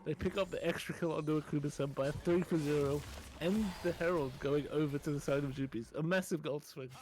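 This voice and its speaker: A man calling esports play-by-play from his own room, rapid and rising in pitch during fights. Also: steady tone, a little mellow, a little hiss or hum, low-quality recording. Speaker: play-by-play caster.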